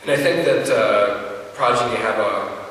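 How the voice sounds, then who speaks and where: A man's voice: lowish voice, fairly bright tone. Faltering, tender young man's eulogy, very echoey hall. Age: young adult. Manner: faltering, halting, with repeated restarts. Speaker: grandson giving a eulogy. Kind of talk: eulogy speech. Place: large reverberant indoor room, recorded from a distance. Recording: very echoey hall, distant mic, faint noise.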